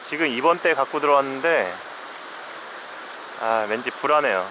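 Out on a shallow mountain stream with a head-mounted action camera, a man fishing alone gives casual, wry, weary commentary to himself. His medium-pitched voice is animated at a normal pace, and stream noise sits in the background.

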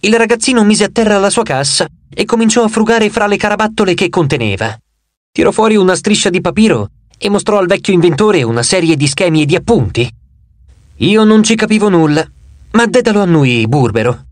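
A man reading an audiobook in expressive scripted narration into a close studio mic. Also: high-pitched, brisk, no echo.

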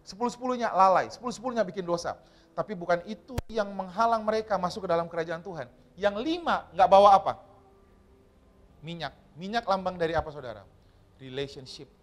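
A male pastor preaching a lively sermon in a church. His voice sits high and swoops up and down as he keeps turning to the congregation with questions. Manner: animated preaching, often asking the congregation questions. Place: church hall.

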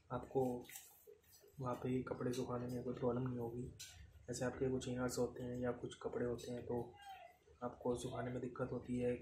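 A man, casually demonstrating camping gear in an unscripted way and filling pauses with "theek hai". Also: mid-range voice. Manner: unscripted, repeats "ठीक है", counts items aloud. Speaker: product reviewer. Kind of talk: casual unboxing demo. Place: room with tiled floor, indoors. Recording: echoey tiled room, noisy.

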